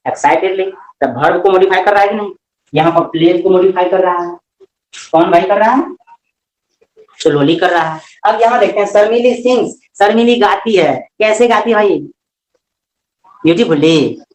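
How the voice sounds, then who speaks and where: A man with a Hindi accent teaching English grammar in a classroom lecture, lively and often asking questions that he then answers himself. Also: sits high, normal speed, long pauses, roomy sound, rough recording.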